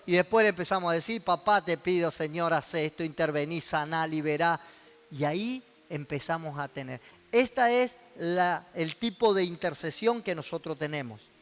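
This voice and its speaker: Man, pastor, Rioplatense accent, sermon, high voice, long church-hall reverb. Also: a bit bright. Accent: Rioplatense Spanish. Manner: teaching with questions to the congregation.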